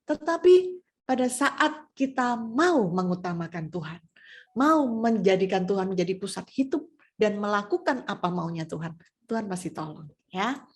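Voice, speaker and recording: A middle-aged woman with a Surabaya Indonesian accent, preaching a personal testimony sermon, moving between soft asides and raised exhortation. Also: medium pitch, lively intonation, moderate pace.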